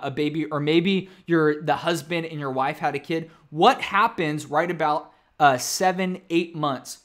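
A man's voice: fairly high pitch, fairly bright tone. A male pastor in his thirties giving a casual livestream sermon, chatty and often asking the audience questions. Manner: conversational, asks the audience questions.

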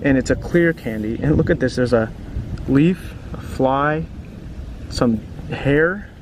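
Taking it slowly in a medium-pitched voice, a teacher who reads children's books chats informally during a read-aloud for kids. He regularly asks the listener questions, including tag questions. Slight background noise is present.

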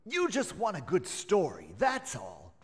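Brash loud tv crew dude, high voice jumping all over, slow drawl. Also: male voice, wildly swooping pitch, a crowd in the background, exaggerated voice. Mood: blunt. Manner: loud, blunt, swings between shouting and muttering. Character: brash young male TV crewman, loud and blunt.

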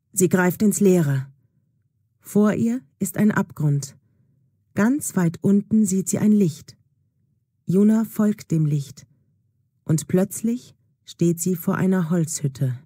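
Slow, husky woman storyteller. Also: fairly low pitch, mellow, dry recording, studio quality. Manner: slow, clear and deliberate. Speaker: narrator. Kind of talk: scripted narration for German learners.

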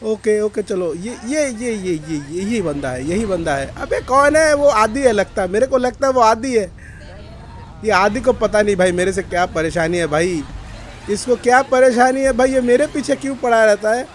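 Young guy yelling through a game race, super high voice, keeps repeating himself. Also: moderate pace. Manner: loud frantic outbursts, repeating phrases. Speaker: gaming YouTuber. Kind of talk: excited Hindi gameplay commentary.

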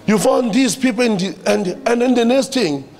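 A man's voice: very high-pitched, normal speed, a little mellow. A man with a South African accent preaching a sermon, addressing the church and repeating his phrases for emphasis.

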